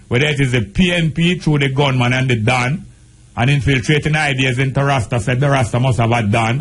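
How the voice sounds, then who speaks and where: A man's voice: medium pitch, a little hiss or hum. A man with a Jamaican accent and Patois-inflected speech, speaking earnestly as a guest in a political discussion on radio.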